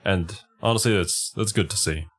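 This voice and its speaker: Low-voiced man, casual streamer. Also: normal speed. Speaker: streamer reacting to a video. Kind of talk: casual live reaction commentary.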